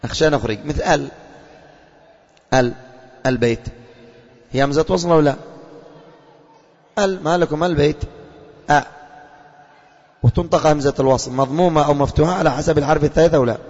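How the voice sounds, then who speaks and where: With a fairly high, a little mellow voice, a male religious teacher speaks fairly quickly but leaves long pauses. He questions his students during a classroom lesson and repeats their answers, on a dull lo-fi recording with long reverb.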